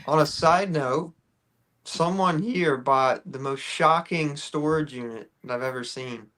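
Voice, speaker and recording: A young man who works as an auctioneer, chatting casually and telling stories in an animated way. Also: on the high side, measured pace. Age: young adult. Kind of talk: casual chat.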